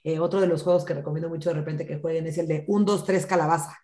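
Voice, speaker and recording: A woman, a parenting expert, explaining child development in an animated podcast chat and acting out children's lines. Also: deep voice, quick pace.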